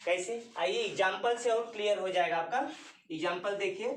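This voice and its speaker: An English teacher with a medium-pitched voice and moderate pace leads a grammar lesson, dictating definitions word by word, repeating terms, and asking the class questions she then answers herself. The distant mic gives a roomy sound with a little hiss or hum.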